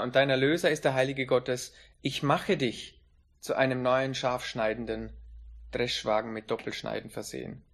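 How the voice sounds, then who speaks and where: Male preacher, mid-pitched, emphatic sermon delivery with drawn-out key lines.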